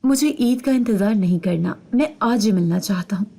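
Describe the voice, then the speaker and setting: In a mellow, warm voice, a woman reading an anxious young husband and brother pushes back insistently. He sounds suspicious and set on his course, with a storybook reading's even delivery. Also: mid-range voice, creaky. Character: male narrator's brother, anxious, determined man.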